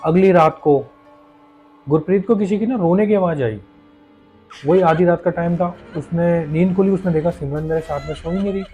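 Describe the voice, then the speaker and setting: A man's voice: fairly high pitch, moderate pace, mellow, dull audio. A man narrating a horror story in a casual, conversational, suspense-building way. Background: faint background music.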